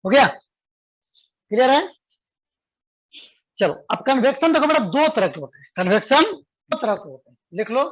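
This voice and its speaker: Man dictating physics notes slowly. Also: extremely high pitch, very animated, poor audio. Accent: Indian English. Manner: dictates slowly, repeating phrases, then explains fast with questions to students. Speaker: physics teacher. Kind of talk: classroom lecture, dictating notes.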